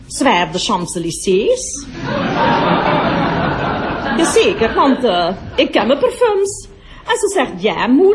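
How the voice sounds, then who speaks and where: A woman's voice: fairly high pitch, a little mellow, a little hiss or hum. A woman performing a comic monologue as a talkative, prim cloakroom attendant who gossips about her daughter and breaks off to speak to passing guests. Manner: chatty gossiping storyteller who keeps breaking off to address visitors. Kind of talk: comic monologue with audience laughter.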